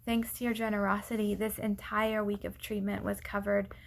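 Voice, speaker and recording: A woman speaking out of breath in a casual, unscripted personal update, haltingly and often losing her thread. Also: mid-range voice, little pitch movement, creaky, slight background noise. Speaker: vlogger giving a personal update.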